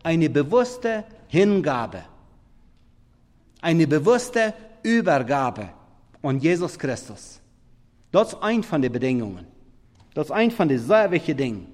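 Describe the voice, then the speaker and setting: A man preaching a sermon in halting, non-standard German, swinging between loud emphatic scripture reading and quiet murmured asides. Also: a little high, big pitch swings. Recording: long reverb of a big hall.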